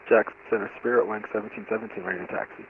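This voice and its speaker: Very fast male pilot on headset radio. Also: medium pitch, big pitch swings. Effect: over a pilot headset radio. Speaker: flight-simulation cargo pilot on radio. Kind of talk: clipped radio readbacks. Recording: tinny, clearly noisy radio transmission.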